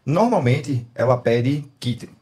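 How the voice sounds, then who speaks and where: A man with a Brazilian Portuguese accent, co-hosting a podcast and telling family stories in a casual, animated way, laughing often and mimicking his daughter. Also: mid-range voice, unhurried, breathy edge. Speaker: podcast co-host. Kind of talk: casual chat.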